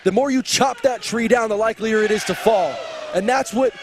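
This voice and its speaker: A man working as a wrestling color commentator, giving excited, emphatic and earnest analysis of the match. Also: sits high, fairly quick, background noise. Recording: loud arena crowd and music behind. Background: cheering crowd and music.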